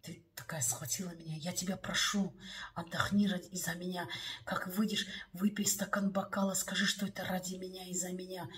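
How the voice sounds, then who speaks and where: A woman vlogger tells a story to her viewers in a confiding, chatty manner and keeps calling them "girls". Her voice sits on the low side, and she is caught from some distance off the mic. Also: level tone, a little fast.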